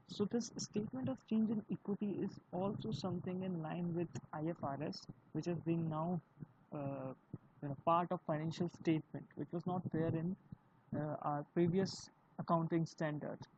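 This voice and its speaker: A speaker with an Indian accent giving an explanatory video lesson on accounting, talking in a halting way with frequent fillers. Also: mid-range voice, dark tone. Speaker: accounting teacher. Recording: dull lo-fi recording with faint hiss.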